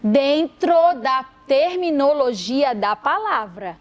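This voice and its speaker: A woman's voice: high-pitched, lively intonation, slow. A woman, a guest therapist talking expressively and emphatically in a podcast conversation.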